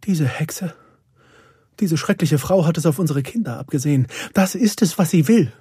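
A man voicing a gentle, worried female dog who is a young mother, in a storybook audiobook, speaking anxiously and close to tears. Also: on the high side, lively intonation, normal speed, slightly rough, no echo, voice pushed up. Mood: fearful. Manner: anxious, fearful, near tears.

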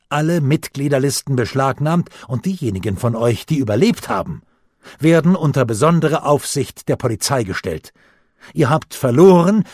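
A stern, commanding middle-aged uncle, read by a man in a husky voice, laying down hard truths to his nephew with rising force. The sound is close and dry. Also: medium pitch, a little mellow, no room sound, voice pushed up. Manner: firm, commanding, lecturing.

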